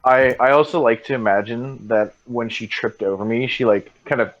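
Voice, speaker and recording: A man's voice: mid-range voice, fairly even intonation, moderate pace, lo-fi sound. Joking man at a tabletop game. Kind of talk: casual chat.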